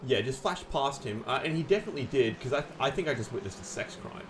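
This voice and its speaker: A man co-commentates a sim race, trading playful, teasing jabs with his partner. His voice sits at a middle pitch. A clear hum runs behind him. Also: animated, quick pace.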